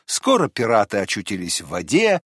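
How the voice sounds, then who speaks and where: A man narrating a fairy tale audiobook in an expressive, measured storytelling manner. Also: fairly low pitch, no echo, studio quality.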